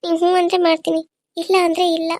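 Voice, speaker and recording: A woman voicing a caring young married woman in a Kannada cartoon serial, speaking gently and earnestly. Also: very high-pitched, completely flat delivery, racing. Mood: persuasive.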